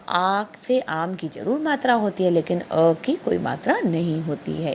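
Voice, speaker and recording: A woman's voice: on the low side, slight background noise. A woman teaching a recorded Hindi lesson to small children, stretching out each syllable and repeating every word twice for them to copy. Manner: addresses the children often, asks them questions. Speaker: primary school teacher.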